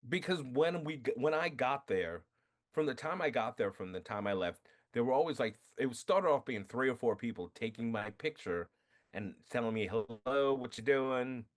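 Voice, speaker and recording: A man being interviewed about his film, telling animated stories, acting out quotes and laughing often. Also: medium pitch, normal speed. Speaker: filmmaker guest. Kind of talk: casual interview storytelling.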